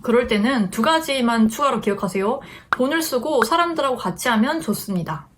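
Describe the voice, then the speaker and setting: Young woman chatting thru self-improvement tips, friendly, kinda high voice, acts out her own thoughts. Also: expressive, fairly quick, noisy background. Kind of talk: casual advice talk to camera.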